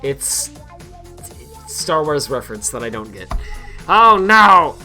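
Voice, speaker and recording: A male streamer talks loosely, rambling and poking fun at himself between bursts of laughter. His pitch sits in a middle range, and soft music plays underneath. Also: unhurried. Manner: rambling and self-deprecating, laughs often. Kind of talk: casual live-stream chat.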